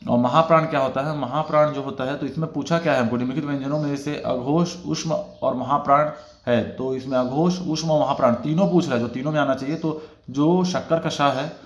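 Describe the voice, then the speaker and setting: Going through test questions one at a time, a man tutors for exam prep and checks in with his viewers along the way. His fairly high voice is steady and brisk in a roomy recording. He explains as he goes, using "theek hai" again and again as filler.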